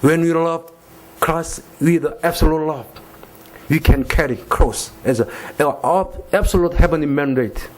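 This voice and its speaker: An emphatic male missionary preacher with a Gyeongsang Korean accent, delivering a sermon in a church sanctuary. His voice sits a little high for a man, and he drives points home by repeating phrases, now and then slowing into careful English.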